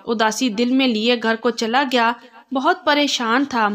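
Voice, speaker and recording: A woman narrating an emotional family story in a steady read-aloud manner. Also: fairly high pitch.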